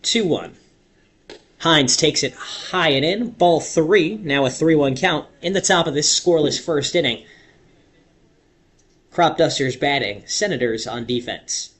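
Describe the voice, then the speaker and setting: In a fairly high, expressive and slightly bright voice, a young adult man calls baseball action radio-style. He stretches big plays into dramatic, drawn-out moments.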